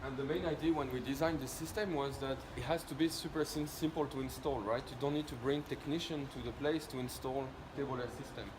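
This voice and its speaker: A French-accented man presents a product in a casual demo, his mid-range voice fairly quick with few pauses and fairly even intonation. As a company presenter, he explains step by step, often checking comprehension with tag questions at the end of points. The space is echoey and the background noise is loud.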